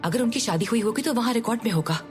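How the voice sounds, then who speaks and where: A woman's voice: fairly high pitch, expressive, rapid-fire, over music, close to an everyday voice. A woman dubbing a scheming, housebound older sister who bosses her sibling in an insistent, persuasive way. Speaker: elder sister. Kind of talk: dubbed TV drama.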